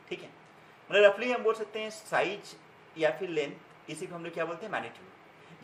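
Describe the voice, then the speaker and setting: A man's voice: high voice, a bit bright, reverberant, a little hiss or hum, low-quality recording. A man teaching a physics class, repeating key terms and quizzing his students, switching between Hindi and English terms. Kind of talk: classroom lecture.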